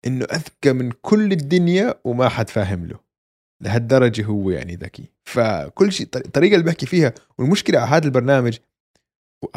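A man's voice: medium pitch, darkish tone. A man with a Levantine Arabic accent co-hosting a casual sports chat, talking in bursts and often repeating himself. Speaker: sports show co-host. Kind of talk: casual chat about basketball.

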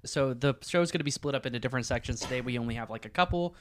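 A man's voice: medium pitch, slight background noise. A man in his twenties co-hosting a podcast, chatting casually and agreeing often in a room at home. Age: 20s. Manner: friendly, chatty, quick to agree. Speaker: podcast co-host. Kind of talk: casual chat. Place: room in a house.

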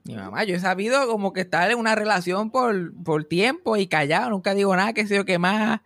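A Puerto Rican man in his thirties tells jokes in an animated, casual chat, switching into English now and then. His voice sits high for a man. The sound is dry and close to the mic. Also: fairly quick, no room sound. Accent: Puerto Rican Spanish. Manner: joking, animated, slips into English.

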